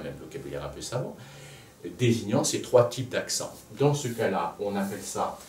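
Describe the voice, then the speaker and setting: A man teaching a music lesson at a blackboard, pausing to think aloud and repeating words to show where the stress falls. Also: fairly low pitch, darkish tone. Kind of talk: lecture at a blackboard. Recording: echoey room, voice from a distance, faint background noise.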